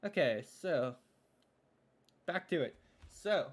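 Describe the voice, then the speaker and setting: A man's voice: fairly high pitch, lively intonation, takes it slowly. A young man streaming live, chatting casually and thinking aloud as he works on a game, often trailing off into mumbles.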